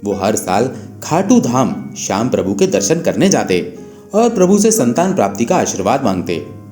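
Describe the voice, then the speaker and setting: Expressive male storyteller, lively pitch. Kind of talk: scripted devotional story narration. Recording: echoey room with faint guitar music.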